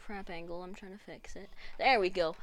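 A woman's voice: lowish voice, fairly even intonation, normal speed, very noisy. A woman hosting a gaming channel, chatting casually and apologetically over her own gameplay. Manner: rambling, self-deprecating, apologetic.

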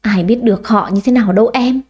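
A woman voicing a senior shop employee who hushes and chides a gossiping coworker. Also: a little high, fast talker, slightly rough. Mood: reproving. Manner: hushing, reproving.

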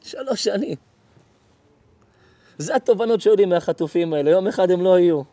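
A man's voice: high-pitched, mellow, no echo. A man, a rabbi, giving an emotional storytelling lecture, earnest and urgent, acting out the people in his stories. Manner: vivid, acts out dialogue in stories.

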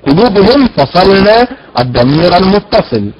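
A man giving a recorded lecture on recitation, slowly demonstrating word stress, then explaining briskly and answering his own rhetorical questions. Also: sits high, big pitch swings. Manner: asks rhetorical questions and answers them himself. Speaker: teacher of Quranic recitation. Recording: dull lo-fi recording.

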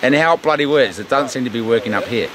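A New Zealand man in his thirties vlogs casually to a handheld camera held close to his face, standing outdoors by a house in the rain. His mid-range voice has lively intonation and a quick pace, and his manner is blunt and joking. Loud rain noise fills the outdoor recording.

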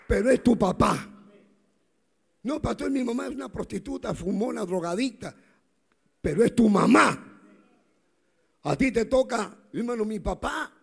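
A middle-aged male pastor preaching a sermon, swinging from fervent shouts to hushed storytelling. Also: sits high, creaky, husky. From South America.

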